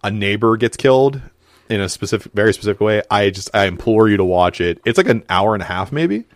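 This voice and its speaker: A man's voice: on the low side, lively intonation, quick pace, dry recording, studio quality. A man hosting a casual podcast chat, talking animatedly with frequent fillers and laughs. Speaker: podcast host.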